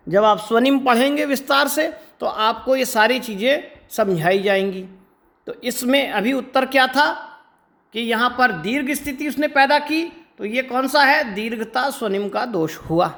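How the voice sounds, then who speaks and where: A man's voice: extremely high pitch, gravelly, fairly bright tone. A man teaching an exam-prep lecture. He explains step by step and often checks in with rhetorical questions. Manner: stretches words slowly to demonstrate pronunciation. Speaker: Hindi teacher.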